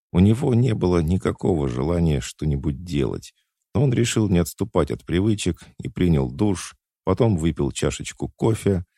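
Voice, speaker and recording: Very deep gravelly male narrator. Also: mellow, dry recording, clean studio sound. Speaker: audiobook narrator. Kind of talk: scripted narration.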